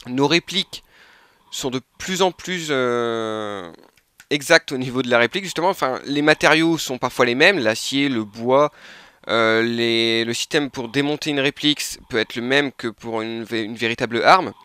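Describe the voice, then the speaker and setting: A man talking casually as he reviews a replica, hesitant, with many pauses and restarts. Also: mid-range voice, bright, forceful tone, clean tone, no room sound. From France. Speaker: airsoft reviewer. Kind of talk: casual product review talk.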